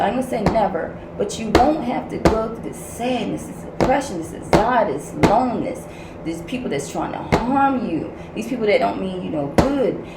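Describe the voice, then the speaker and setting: A woman's voice: a little high, heavy background noise. Blunt, profane grandmother counselor, echoey room. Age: older. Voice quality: blunt, profane, tough-love preaching. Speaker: spiritual counselor. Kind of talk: tarot message reading.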